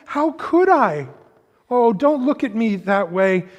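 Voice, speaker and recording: A woman's voice: big pitch swings, slow, long reverb tail, dull audio, heavily acted. A man putting on a pleading young girl. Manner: pleading, breathless, high.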